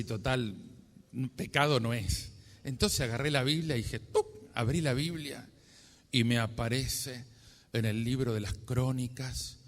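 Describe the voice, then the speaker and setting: A man's voice: mid-range voice, fairly bright tone. A man with a Rioplatense Spanish accent, a friar telling a story in a sermon, acting out his own inner dialogue with sudden exclamations. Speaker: Franciscan friar preaching. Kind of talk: storytelling sermon talk at a congress. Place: large congress hall. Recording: long hall reverb.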